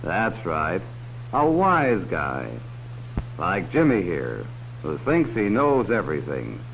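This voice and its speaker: In a full character voice, a man plays the cautionary narrator of a 1950s educational film warning children about strangers. His low voice swoops wildly in pitch, slow and fairly bright, addressing children folksily with leading questions. The soundtrack is dull and hissy.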